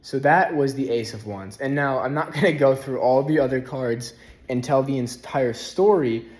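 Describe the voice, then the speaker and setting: A young man talking casually in a spiritual vlog from a rented house, relaxed and rambling, filling his speech with "like". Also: mid-range voice, normal speed. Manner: relaxed, rambling, heavy use of "like". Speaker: spiritual vlogger.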